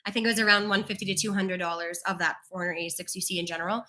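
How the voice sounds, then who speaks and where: A woman co-hosting a travel live stream, chatty and quick to laugh. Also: lowish voice, steady tone, sharp tone, slight background noise. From Canada. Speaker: travel channel co-host. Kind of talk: casual live-stream chat.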